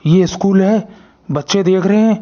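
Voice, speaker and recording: A man's voice: sits high, moderate pace, warm tone, lo-fi sound, natural voice. A man voicing a nervous, henpecked schoolteacher in a cartoon who stammers and pleads. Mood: flustered pleading.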